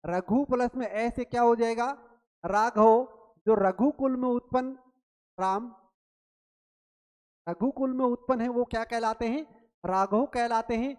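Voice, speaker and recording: A woman teaching a grammar quiz lesson, asking questions and answering them herself, repeating key words slowly. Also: a little high, a little mellow. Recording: long reverb, roomy sound.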